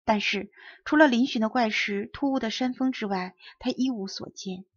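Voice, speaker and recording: A woman narrating a children's story as an audiobook reader, with clear, even storytelling. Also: on the high side, moderate pace, dry recording. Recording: dull lo-fi recording.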